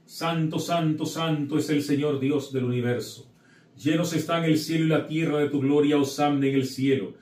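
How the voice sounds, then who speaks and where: The speaker is a middle-aged priest who moves from an encouraging sermon to solemn recitation of the Mass liturgy. His voice leans high and darkish, with fairly even intonation and normal speed. The echoey chapel recording, made indoors before an altar, places him far from the mic.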